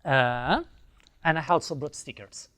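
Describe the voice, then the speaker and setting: His voice is on the high side and a bit bright, and he takes his time. The speaker, an Italian-accented man from Italy, delivers an enthusiastic tech talk at a conference, answering audience questions with many fillers and restarts.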